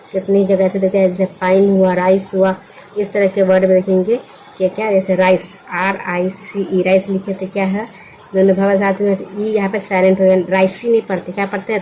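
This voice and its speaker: A woman's voice: medium pitch, mellow, slight background noise, low-quality recording. A woman teaching English vocabulary. She spells each word letter by letter and asks what it makes before she says it. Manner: patient, repeats words and asks "what happened?" before giving the answer.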